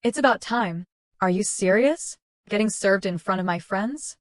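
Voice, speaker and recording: A woman's voice: medium pitch, moderate pace, dry recording, studio quality, natural voice. A woman voicing a defensive young wife who insists and pleads, justifying herself. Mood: defiant.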